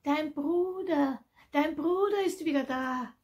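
A male farm servant, surprised and explaining in a rather high voice, as a woman storyteller puts him on. Slow delivery in a children's Bible story reading. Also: a little mellow.

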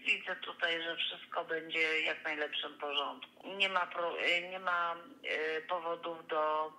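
A woman's voice: deep voice, fairly even intonation, measured pace, bright, forceful tone. A woman fortune teller heard over a phone line, patiently and politely reading cards for a caller, with hesitant fillers.

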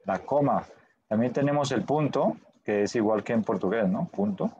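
A man leads an online Spanish class over a video call. His voice sits at an average pitch, and his delivery is patient, with frequent short check-in questions. A faint background noise runs under the recording. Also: big pitch swings, normal speed, mellow, lo-fi sound. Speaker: Spanish teacher.

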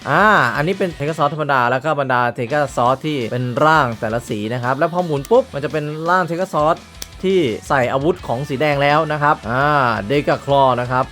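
A man's voice: on the high side, moderate pace, a bit bright, soft background music. A man hosting a casual toy review vlog, chatting straight to his viewers and adding playful sound effects.

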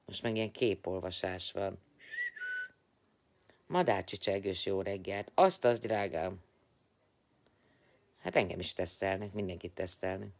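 A man's voice: deep voice, gravelly, long pauses. A tired man hosting a casual live stream, chatting, teasing and greeting viewers by name.

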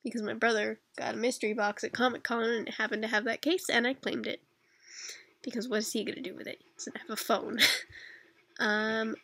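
A woman's voice: a little high, a bit bright, no room sound. A woman in her twenties with a Canadian accent, chatting casually and answering questions in a rambling, self-deprecating way with dry asides. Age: 20s. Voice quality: creaky. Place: dark bedroom at night, lying on a bed.

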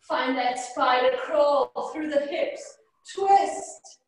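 A woman's voice: sits high, very slow, a little hiss or hum. A young woman working out as she leads a fitness class, urging people on with short motivating gym-coach commands. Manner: exerting herself while demonstrating exercises. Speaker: fitness instructor leading a HIIT class. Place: indoor home exercise studio with cupboards. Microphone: far camera or laptop on a video call. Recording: distant, very echoey room sound.

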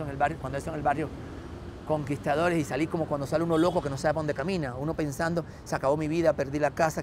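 A Cuban man tells his stories at a fast clip in a slightly high voice, slipping into the other people's lines as he goes. He is recorded outdoors, with faint traffic behind him. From Cuba. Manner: animated anecdotes, acting out dialogue. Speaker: guest, author and humorist. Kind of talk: storytelling interview.

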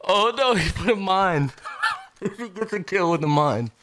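A man giving live, rowdy commentary on a friends' game match over voice chat. His pitch leaps all over and he speaks slowly between bursts of laughter and cheering. He sounds like he is on a headset mic. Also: animated, a little hiss or hum. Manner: laughs constantly, hypes and cheers loudly.

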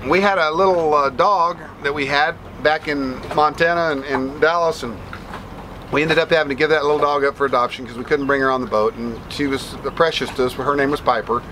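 A man's voice: fairly high pitch, steady tone, brisk. A man in his forties, casually answering viewer questions to camera from a sailboat deck, rambling with restarts and fillers. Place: outdoors on a sailboat deck in a bay. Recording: outdoor boat noise behind voice. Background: boat and water ambience.

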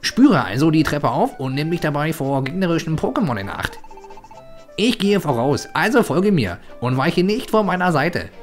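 Game sidekick: chirpy, bossy male creature guide, bright and lively as a man puts him on. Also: fairly high pitch, moderate pace, soft background music, pitched above the performer's own voice. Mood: eager. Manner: cheerful, instructive.

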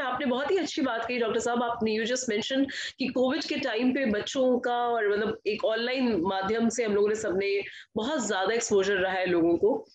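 A woman hosting a health talk show, asking her guest questions in a polite, affirming way. Her voice is a little higher than most women's. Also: low-quality recording. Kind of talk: interview questions.

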